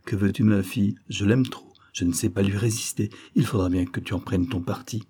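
A man reading aloud and voicing a gentle, timid middle-aged father with soft, meek replies. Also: on the low side, fairly even intonation, brisk, slightly rough. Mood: fond.

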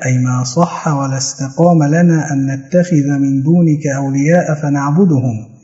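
A man giving a measured, formal reading of classical scripture commentary as an audiobook reader, slowing for the quoted verses. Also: on the high side, warm tone, dull audio.

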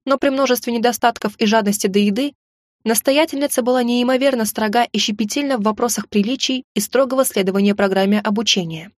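A woman reading a first-person audiobook with expressive, emotional storytelling. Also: a little high, fast, dry recording, studio quality. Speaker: audiobook narrator.

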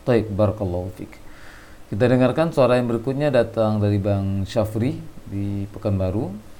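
A man teaching Quran reading online, slowly giving corrections and repeating each point to demonstrate sounds. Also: lowish voice, expressive, dark tone, slight background noise.

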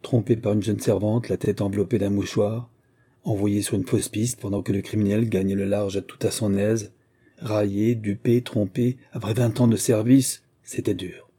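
A man narrating an audiobook in measured, even storytelling. His voice sits low and very dark, with a husky edge. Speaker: audiobook reader. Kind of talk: scripted narration.

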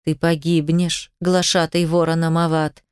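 Foreign male envoy, grave and insistent, slow measured speech, broken grammar, woman reader. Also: deep voice, flat delivery, darkish tone, clear, resonant tone, no echo, clean studio sound, voice pushed down.

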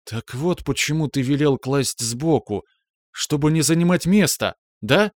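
Excited young woman scientist, high and breathless, read by a male narrator. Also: measured pace, no room sound, studio quality. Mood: bewildered.

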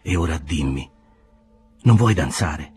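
A man's voice: rumbling low, animated, slow pace, a little mellow, faint music behind, voice pushed down, exaggerated voice. A man reading an earnest young German man.

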